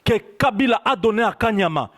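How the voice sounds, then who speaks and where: A man from Congo giving an impassioned political address to his compatriots, halting with fillers at first, then building to emphatic, repeated declarations. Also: sits high, lively intonation, fairly bright tone. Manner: fervent, building to raised emphatic repetition; halting with frequent fillers at the start. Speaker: diaspora political representative.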